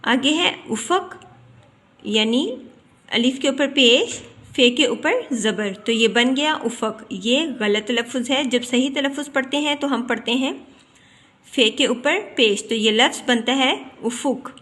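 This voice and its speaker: A woman teacher gives a pronunciation lesson, slowly and carefully spelling out the vowel marks of each word. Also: fairly high pitch, a bit bright.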